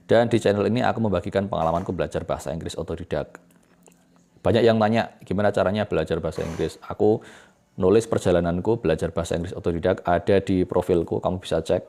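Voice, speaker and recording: Gravelly, chatty man teaching English. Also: sits low, fast talker. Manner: relaxed, chatty explaining with fillers and self-corrections. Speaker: English tutor. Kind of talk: casual self-taught English lesson.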